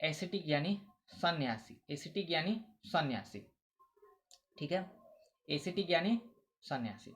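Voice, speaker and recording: A man's voice: on the high side, lively intonation, a little slow, pauses often, fairly bright tone. Man teaching vocabulary, repetitive. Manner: repetitive, asks questions then answers them. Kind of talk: casual Hindi vocabulary lesson.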